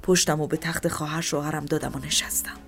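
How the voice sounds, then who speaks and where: A woman's voice: low-pitched, steady tone. A woman telling a first-person story in a subdued, grieving manner, at times dropping to a whisper. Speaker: narrator. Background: soft background music.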